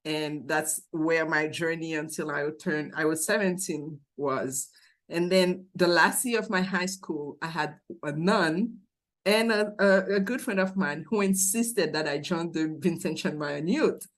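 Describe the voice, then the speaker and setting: A Haitian woman in her forties, with a Haitian accent, speaks as an interview guest, thoughtful and earnest, often restarting sentences while telling her story. Her voice is low and unhurried.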